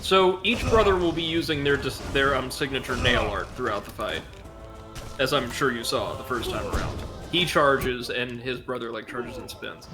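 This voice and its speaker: A man's voice: medium pitch, moderate pace. A man hosting a live gaming stream, chatting casually and reading out viewer comments. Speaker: host. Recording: game music clearly behind. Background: video game music.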